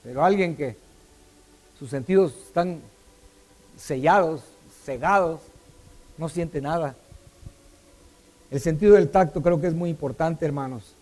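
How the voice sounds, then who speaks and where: A middle-aged man preaching a sermon, often putting questions to the congregation. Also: a little high. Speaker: pastor.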